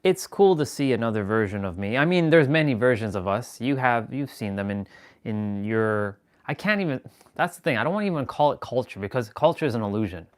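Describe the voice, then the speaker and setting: A man's voice: mid-range voice, lively intonation, a little fast. A man hosting a live stream, talking in a rambling, self-assured spiritual monologue and restarting sentences as he goes.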